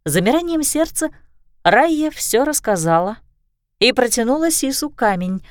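A woman narrating a storybook in a calm, lower reading voice. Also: moderate pace, no echo, studio quality.

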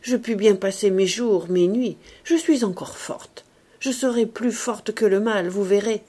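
A woman's voice: mid-range voice, measured pace, dark tone, close to an everyday voice. A woman reading aloud, voicing a devoted aging servant woman who cries out and pleads. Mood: frantic pleading. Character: devoted old female servant, desperate.

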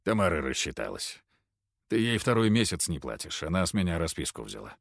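A man voicing a frail, meek old husband with a hoarse, low, quiet voice. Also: sing-song, a little fast, no echo, clean studio sound, exaggerated voice. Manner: quiet, timid, pleading.

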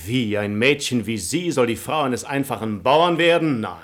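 Noble seducer, smooth-talking, lilting, lively pitch, radio play. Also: male voice, brisk. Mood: ardent. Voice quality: lilting, lavish flattery, theatrical swells. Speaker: actor. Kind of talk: broadcast radio play acting.

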